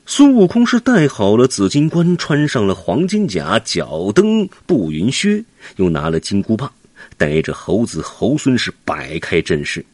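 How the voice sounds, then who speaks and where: A man's voice: fairly low pitch, huge pitch swings, measured pace, darkish tone, slightly rough, no echo. A man narrating a classic adventure tale for children in a dramatic, vivid way. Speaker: storyteller.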